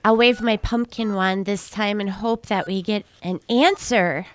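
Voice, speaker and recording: A woman's voice: medium pitch, a little slow. A woman co-hosting a playful radio call-in giveaway, talking cheerfully with callers in a sing-song way. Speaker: radio show co-host. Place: radio studio.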